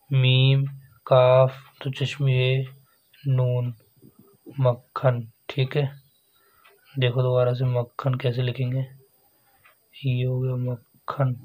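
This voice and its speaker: A man teaching a children's Urdu writing lesson, naming each letter slowly and repeating it as he writes. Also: medium pitch. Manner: slow, repeats letter names and "theek hai" while writing. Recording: dull lo-fi sound.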